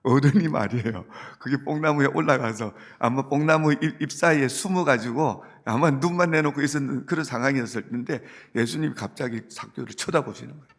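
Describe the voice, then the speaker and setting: Man, pastor, gravelly voice, earnest sermon style. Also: medium pitch, brisk, few pauses. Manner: earnest preaching, quoting Jesus gently, building to emphatic points.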